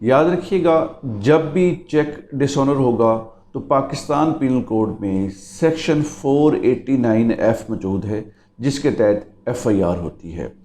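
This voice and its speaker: A man's voice: mid-range voice, takes it slowly, dark tone, echoey room. A male lawyer gives a lecture on the law, explaining it step by step and often telling listeners to remember each point. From Pakistan. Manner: explanatory, keeps repeating "remember". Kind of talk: legal lecture.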